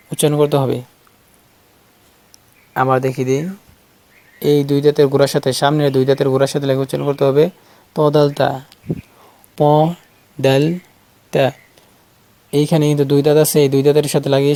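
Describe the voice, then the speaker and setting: Flat-voiced man drilling Arabic letter sounds. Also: a little high, no echo. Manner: repeats syllables one by one for the viewer to copy; patient, explains tongue and teeth placement step by step. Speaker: Quran recitation teacher. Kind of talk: slow drilled pronunciation lesson.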